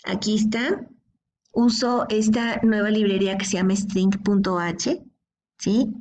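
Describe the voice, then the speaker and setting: A woman's voice: medium pitch, steady tone, unhurried, a little mellow, lo-fi sound. Woman teaching code step by step. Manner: explanatory, checks in with frequent "¿sí?" and "¿de acuerdo?". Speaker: programming teacher. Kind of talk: screen-recorded coding lesson.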